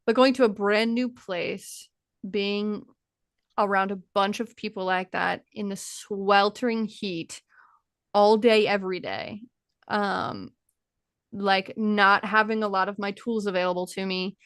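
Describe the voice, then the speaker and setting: A woman's voice: medium pitch, fairly even intonation, unhurried, a bit bright, dry recording, clean studio sound. A woman from the Cincinnati area co-hosting a casual live show, chatty, earnest and supportive. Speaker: co-host.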